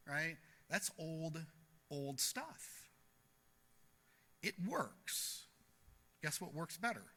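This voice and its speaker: A man giving a blunt, animated marketing seminar talk to a live audience, acting out the people he quotes. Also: on the high side. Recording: echoey hall.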